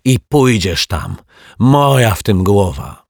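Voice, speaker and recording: A man voicing a lazy, quick-tempered male lodger in a children's story, snarling and shouting indignantly. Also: on the low side, expressive, vocal fry, no room sound, studio quality, exaggerated voice.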